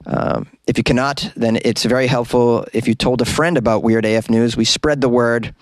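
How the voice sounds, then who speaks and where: A man with a medium-pitched voice chats casually as a podcast host, recorded dry and close. His delivery is wry and rambling, with halting phrases. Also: fairly even intonation, no room sound. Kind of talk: casual solo podcast chat.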